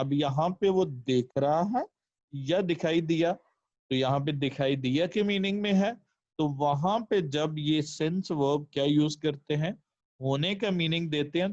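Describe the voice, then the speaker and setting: A male teacher works through English sentences line by line, slowly and deliberately, repeating each translation. His voice sits a little high. The recording is dull and lo-fi. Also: darkish tone, no echo. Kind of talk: language lesson explaining English sentences in Urdu.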